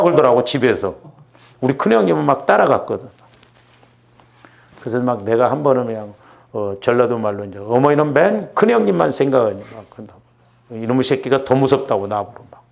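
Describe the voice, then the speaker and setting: A man's voice: mid-range voice, gravelly, a little mellow. A middle-aged male pastor from the Jeolla region preaching at a Wednesday prayer service in a church, chatty and often asking the congregation "right?". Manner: conversational, keeps asking the congregation "응?". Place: church sanctuary.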